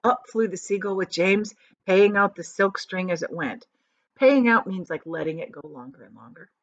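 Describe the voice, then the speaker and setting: A woman with a mid-range voice narrates a children's story dramatically at a normal speed, much like a teacher reading aloud and explaining words to young listeners. The room recording sounds slightly muffled but has no echo.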